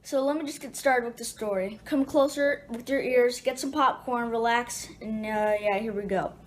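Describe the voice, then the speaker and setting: A woman's voice: on the high side, moderate pace, over music. Rambling woman telling a casual story. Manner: rambling, frequent restarts and fillers.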